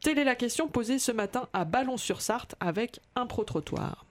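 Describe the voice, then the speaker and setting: A woman's voice: on the high side, expressive, normal speed. A woman hosting a comedy radio show, chatty with frequent hesitations.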